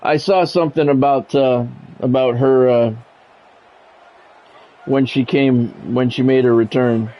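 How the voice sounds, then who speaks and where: Speaking at a measured pace with fairly even intonation and frequent pauses, this American man has a mid-range voice. He does live play-by-play of a football video game in short radio-style sportscaster calls and chats casually with stream viewers, recorded on a dull lo-fi mic with music playing.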